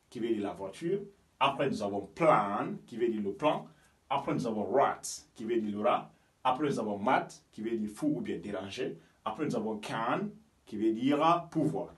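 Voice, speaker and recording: Man teaching English from a distance. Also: mid-range voice. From Guinea. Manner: explanatory, checks in with "ok?" and "you understand me?". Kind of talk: bilingual language lesson. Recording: voice from a distance from the mic.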